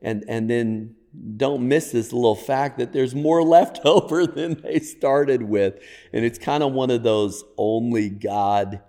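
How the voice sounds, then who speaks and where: A man speaking as a podcast guest, telling stories conversationally and deliberately, pausing for emphasis. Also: mid-range voice, dark tone. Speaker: podcast guest, church pastor. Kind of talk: conversational storytelling and reflection. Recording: long reverberant room sound.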